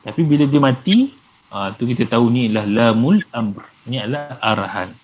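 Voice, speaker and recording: Patient teacher in a dull recording. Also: male voice, mid-range voice, animated, brisk. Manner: patient, repeats and translates terms, many fillers. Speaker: Arabic grammar teacher. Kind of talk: live class explanation. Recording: dull lo-fi with faint noise.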